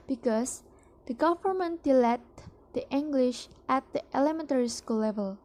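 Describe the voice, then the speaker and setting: The speaker's voice is high-pitched and dark in tone: a young Indonesian woman with an Indonesian accent and Indonesian as her first language. As a student, she reads a promotional speech for a mock business ad aloud, carefully, often starting over.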